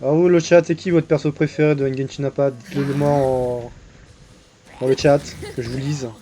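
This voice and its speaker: A man's voice: mid-range voice, flat delivery, normal speed, mellow, slight background noise. A young man casually commenting on his gameplay while chatting with viewers, joking and crude. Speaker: streamer. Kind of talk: casual live game commentary.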